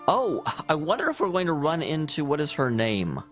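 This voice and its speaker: Man with lively, swooping gaming commentary. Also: fairly high pitch, normal speed. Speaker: let's play host. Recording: faint game music behind.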